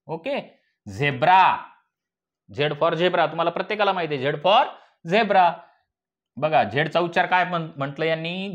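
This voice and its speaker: Slow, spelling-out Marathi-accented male teacher. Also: a little high. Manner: spells words letter by letter, asks and answers own questions. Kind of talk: slow phonics lesson.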